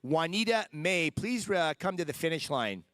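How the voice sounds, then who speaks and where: Man, PA loudspeaker announcement from a distance, fairly high voice, lively pitch, polite, hesitant fillers. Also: moderate pace, no echo, studio quality, soft background music. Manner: polite request with small hesitations. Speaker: meet announcer. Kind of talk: public address announcement.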